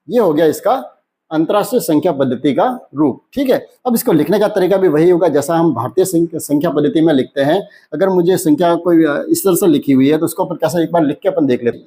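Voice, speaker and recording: A man teaching a maths lesson in who keeps asking questions and answering them himself, slowing down when he reads out numbers. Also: fairly high pitch, mellow, husky. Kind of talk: classroom lesson explanation.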